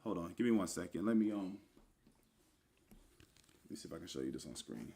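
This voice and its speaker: Speaking fairly quickly in a low, warm voice with vocal fry and plenty of expression, a religious teacher gives an informal online lesson over screen share. He spells out scripture words letter by letter to explain their meaning, addresses the listener as brother, and strays into many fillers and asides.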